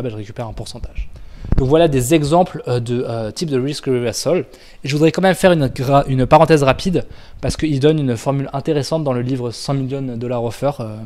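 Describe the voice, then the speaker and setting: Male trainer, conversational explainer; loose delivery, frequent self-corrections, average pitch. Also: a little mellow. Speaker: business trainer. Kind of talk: casual explanatory lesson.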